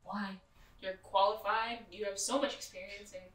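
A woman's voice: medium pitch, steady tone, moderate pace, a bit bright, lightly acted. A young woman playing a sassy grown-up sister who teases her brother but backs him up. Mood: teasing. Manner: sassy, teasing banter. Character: sassy grown-up sister Gretel, teasing, supportive. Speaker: actor in an indie drama. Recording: echoey room, far from mic, faint noise.

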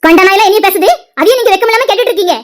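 A sharp-tongued young wife from a cartoon, taunting and picking fights in a Tirunelveli Tamil accent, as a woman acts her out. Her voice is very high and shrill, and she fires off her words at a breakneck pace. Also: very fast. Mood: quarrelsome. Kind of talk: cartoon dialogue acting.

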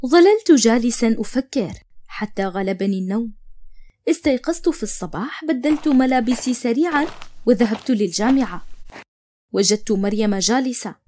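A woman narrating a first-person cartoon story in standard Arabic, with even, measured storybook delivery. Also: fairly high pitch.

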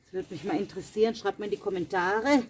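Speaking at a quick pace, a woman with a medium-pitched, darkish voice vlogs casually as she plants in her garden at night, talking right to her viewers. She's a mother, and there's a little hiss or hum.

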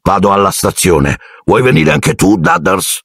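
A man's voice: fairly low pitch, big pitch swings, a little slow, fairly bright tone, no room sound, clean studio sound, voice pushed up, exaggerated voice. A man voicing an overbearing middle-aged uncle who growls and threatens, in an audiobook. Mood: menacing. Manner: gruff, blustering, threatening.

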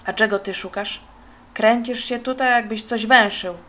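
A woman voicing a calm, phlegmatic male street poet in a children's storybook, speaking dryly and evasively. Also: on the high side, lightly acted. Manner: unhurried, evasive, dry.

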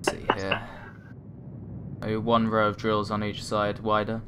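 A young man streaming a space building game, chatting and joking with a friend, laughing loudly and squealing. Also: fairly low pitch, completely flat delivery, measured pace, very noisy. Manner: joking and playful, bursts into loud laughs and squeals. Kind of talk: casual gaming chat with a friend.

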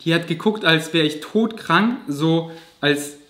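A man's voice: a little high, a little slow, fairly bright tone. Emotional man telling his story, roomy echo. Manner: emotional, vivid retelling with casual swearing. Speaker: vlogger. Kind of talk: personal storytelling to camera.

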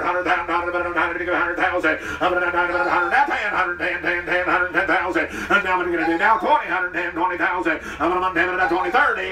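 A man working as an auctioneer, calling bids in a rhythmic rolling chant with quick sales patter into a handheld mic at an outdoor farm sale. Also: high voice, sharp tone, distant mic, slight background noise. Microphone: handheld microphone. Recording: roomy sound from off-mic.

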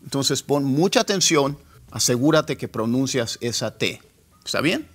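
A man teaching English pronunciation, repeating example words slowly as drills. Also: mid-range voice, lively intonation, breathy edge. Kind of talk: pronunciation lesson.

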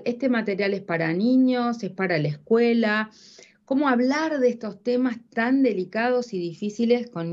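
A woman's voice: mid-range voice, a little mellow. A middle-aged woman with an Argentine accent hosts a radio interview from a room by large windows, formal and inquiring as she asks her questions. Her voice sits mid-range and comes through dull and lo-fi. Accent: Argentine Spanish. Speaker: radio show host. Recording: dull lo-fi stream audio.

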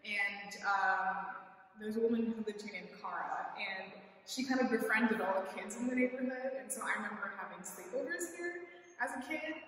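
A woman's voice: medium pitch, moderate pace, fairly bright tone. Young woman with a chatty tour-guide manner, voice distant and echoing in a large empty indoor room. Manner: chatty, with frequent likes and sort ofs. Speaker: youth advisory board member. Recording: roomy echo, from far off.

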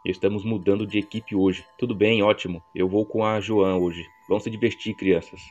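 A man's voice: on the low side, steady tone, normal speed, a little mellow, muffled recording. A man in his twenties from Brazil with a São Paulo accent, reading a story game aloud and making casual, slangy asides to viewers. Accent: São Paulo Portuguese. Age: 20s. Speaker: gameplay narrator.

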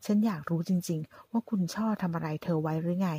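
A woman voicing a gruff, hot-tempered male schemer who speaks curtly and snappishly. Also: on the low side, brisk, a little mellow, no echo. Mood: curt, angry. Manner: curt, snappish.

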